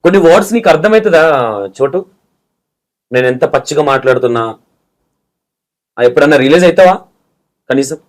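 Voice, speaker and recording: A man's voice: fairly high pitch, animated, a little fast, pauses often. A man, bluntly pressing and scolding his interview guest with pointed questions. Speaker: interview anchor.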